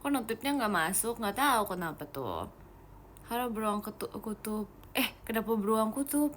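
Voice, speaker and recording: A young woman idol hosting a casual live stream, chatting quickly and giggling as she reads viewer comments and drops in English phrases. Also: on the high side, expressive, a bit bright, slight background noise. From Indonesia. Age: young adult.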